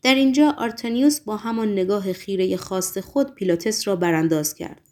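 A woman narrating a novel as an audiobook in a measured, literary reading. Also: medium pitch, dark tone.

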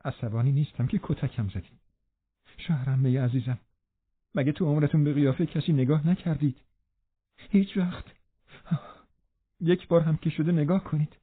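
A man's voice: a little high, long pauses, husky. A man reading aloud, voicing a desperate young woman who pleads and begs in an audiobook. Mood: pleading. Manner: pleading, imploring. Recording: narrow phone-like band.

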